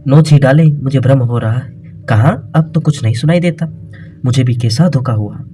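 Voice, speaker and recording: A man's voice: mid-range voice, moderate pace, warm tone, faint music behind, natural voice. A man voicing a poor, weary and stubborn peasant farmer, speaking in raised, coaxing calls in a storybook reading. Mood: uneasy.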